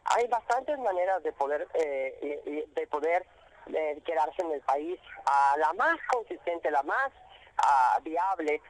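Poor audio carries a man's expressive, high-leaning voice as he responds to radio interview questions on immigrant detention. An immigration rights guest, he explains step by step but keeps stumbling into fillers and starting over.

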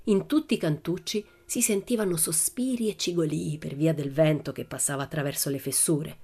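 A woman reading a children's story aloud as an audiobook in a lively, expressive storytelling manner. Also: low voice, moderate pace, slightly rough. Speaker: audiobook reader.

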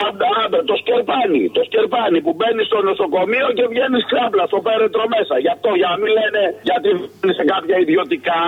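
A man in satirical radio banter, ranting indignantly. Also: high-pitched. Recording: tinny phone-like line.

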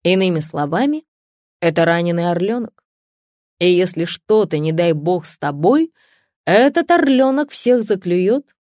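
A woman's voice: fairly low pitch, expressive, measured pace, darkish tone, no echo, clean studio sound. A woman reading an audiobook, voicing a frank, teasing female best friend. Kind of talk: audiobook character voice.

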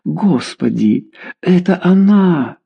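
A man's voice: wildly swooping pitch, normal speed, gravelly, slightly rough, highs cut off, exaggerated voice. A man reading a story aloud, voicing a middle-aged mother who is frantic and scolds her daughter. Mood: alarmed. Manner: shrill, exasperated.

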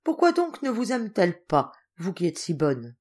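A woman voicing a gentle, saddened widowed noblewoman who speaks tenderly to her daughter. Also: fairly low pitch, huge pitch swings, moderate pace. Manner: soft, tender, resigned.

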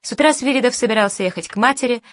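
A woman narrating an audiobook in a measured, even reading voice. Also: a little high, no echo. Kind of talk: scripted narration.

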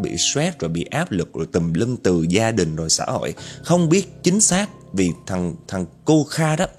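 A man's voice: on the low side, darkish tone. A man narrating a ghost story, chatty and addressing listeners directly.

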